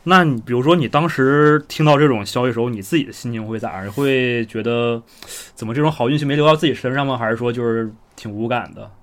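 A man's voice: mid-range voice, fast, hardly any pauses. A man hosting a casual conversational podcast, asking rambling questions and paraphrasing what he hears. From China, outside Beijing. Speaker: podcast host.

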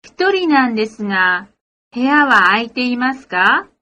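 A woman's voice: on the high side, sing-song, a little slow, bright, forceful tone, heavily acted. A woman playing a polite hotel guest in a scripted language lesson, with careful textbook delivery. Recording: dull, lo-fi lesson recording.

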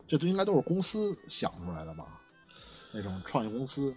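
A man's voice: medium pitch, fairly quick, breathy edge, faint music behind. A man, co-hosting a casual chat about internet memes and telling anecdotes in colloquial slang. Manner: animated storytelling with colloquial slang. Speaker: podcast co-host.

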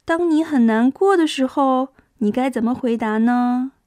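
A woman's voice: high voice, dark tone, a little hiss or hum. A young woman teaching English to small children, coaxing them along and stretching out each sound to demonstrate it. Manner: coaxing, drawn-out demonstrative phonics. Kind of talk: children's language lesson.

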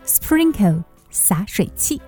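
A woman's voice: mid-range voice, sing-song, slow, warm tone, breathy edge. A woman, a native Mandarin speaker, reads a bilingual picture book to small children as if to a toddler, repeating phrases and translating each one. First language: Mandarin Chinese. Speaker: host of a children's picture-book channel, a mother. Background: background music.

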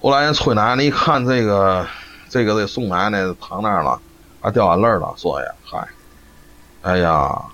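A man's voice: lowish voice, animated, fairly quick, fairly bright tone. A man telling a folk ghost story on a live stream, chatty and always checking "you know?". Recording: dull lo-fi stream audio, faint noise.

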